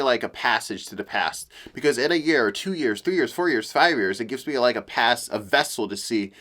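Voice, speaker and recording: A man's voice: mid-range voice, a bit bright. Young guy venting into his camera, kinda down, rambly, lots of likes and restarts, regular middle voice. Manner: candid, rambling with frequent fillers and restarts. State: low and depressed. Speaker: vlogger. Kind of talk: personal venting monologue.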